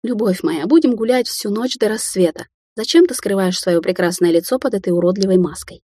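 A woman's voice: medium pitch, animated, fairly quick, dark tone, breathy edge, no echo, studio quality. A woman reading voices a dazed, lovestruck young woman who gushes breathlessly and gets flustered easily in an audiobook. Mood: dreamy.

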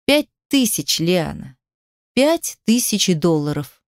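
A woman voicing a cold, domineering rich young man in an audiobook, lowering her voice to a taunting, mocking drawl. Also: sing-song, slow pace, no echo, studio quality, exaggerated voice.

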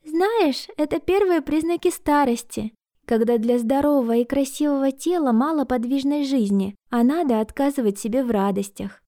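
A woman voicing a bubbly, playful young woman who teases in a higher, brighter voice. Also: moderate pace, dry recording, studio quality, close to an everyday voice. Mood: teasing.

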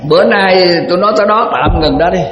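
Older monk, folksy and rambling, long hall reverb. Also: male voice, sits high, quick pace, highs cut off, a crowd in the background. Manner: folksy, rambling, with repeated words. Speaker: Buddhist monk. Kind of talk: dharma talk to an assembly. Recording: echoey hall recording.

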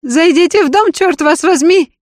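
A man's voice: very high-pitched, moderate pace, no room sound, studio quality, pitched above the performer's own voice. A man voicing a capricious, hysterical young noblewoman with a Polish accent in an audiobook. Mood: pleading shrill. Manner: shrieking, frantic, capricious.

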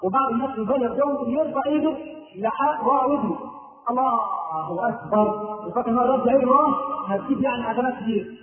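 A man's voice: extremely high pitch, racing. A man with an Egyptian Arabic accent, a sheikh giving a religious lesson on prayer. He explains step by step and often sings out the phrases he corrects. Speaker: sheikh teaching prayer rules. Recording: echoey, distant, tinny phone-like sound.

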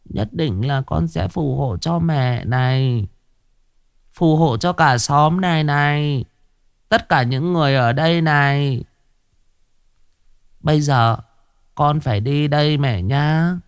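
A man voicing a child's ghost speaking through an old man, soft and begging. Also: fairly high pitch, slow, creaky, long pauses, clear, resonant tone, no echo, studio quality, pitched above the performer's own voice. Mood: pleading.

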